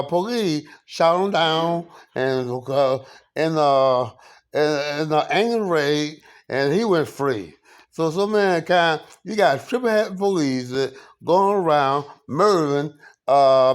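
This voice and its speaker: Halting, preachy man with a higher voice. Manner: halting, many fillers and repeated words; preaching, rhetorical questions. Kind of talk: personal monologue.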